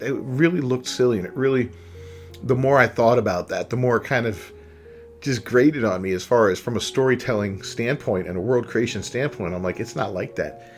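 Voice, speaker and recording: A man hosting a gaming channel, giving casual opinion commentary in a rambling way, often tagging on "right?" and "you know". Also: mid-range voice.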